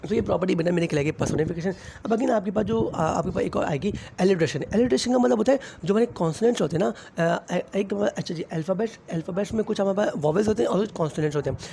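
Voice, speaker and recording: Fast-talking Pakistani Urdu teacher, high gravelly. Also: male voice, warm tone, slight background noise. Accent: Pakistani Urdu, mixing in English terms. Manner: addresses students as beta, repeats "theek hai" often. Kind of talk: classroom explanation.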